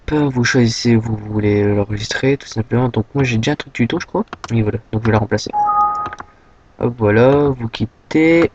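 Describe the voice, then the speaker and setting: A man's voice: mid-range voice, a little mellow, highs cut off, a little hiss or hum. Casual young Frenchman with many fillers. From France. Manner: rambling, filler-heavy, says "hop" often. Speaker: tutorial maker. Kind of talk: casual screen-recorded software tutorial.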